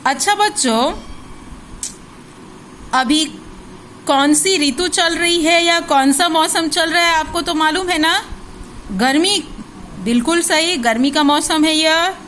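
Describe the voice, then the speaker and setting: A woman's high, bright voice leads a lesson for young children. She spells each word out slowly, syllable by syllable, and answers her own questions. A faint hiss runs underneath. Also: low-quality recording. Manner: spells words syllable by syllable, asks questions and answers them herself. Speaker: primary school teacher. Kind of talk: slow, drilled recitation lesson for young children.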